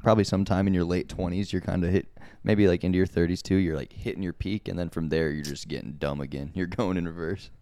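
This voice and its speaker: A laid-back young man co-hosting a podcast, with a low voice. He rambles through his points and laughs often. The sound is dry and close, with no room echo. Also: fairly even intonation, fast talker, few pauses, a little mellow. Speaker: podcast co-host. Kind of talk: casual chat.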